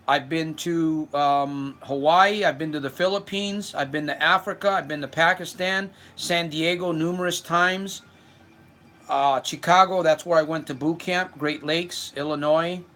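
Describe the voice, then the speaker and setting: Speaking at a measured pace, this Puerto Rican man in his fifties has a slightly high, somewhat bright voice with fairly even intonation. He's earnestly hosting a self-help livestream, replying to viewers' comments and frequently repeating words.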